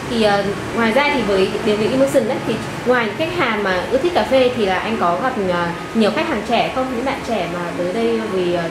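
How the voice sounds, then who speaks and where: A woman's voice: fairly high pitch, quick pace, few pauses. A woman interviewing a cafe owner, asking polite questions with agreeable murmurs and hesitation fillers, inside a cafe. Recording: echoey room, noisy.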